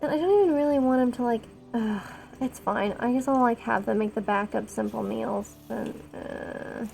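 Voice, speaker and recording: A woman's voice: fairly high pitch, moderate pace, gravelly, darkish tone, slight background noise. A woman streaming a colony-building game, chatting casually with rambling, self-deprecating asides. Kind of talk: casual gameplay commentary.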